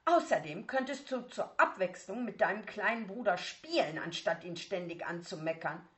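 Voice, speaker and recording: A woman's voice: mid-range voice, expressive, normal speed, close to an everyday voice. A woman doing a dismissive scolding mother.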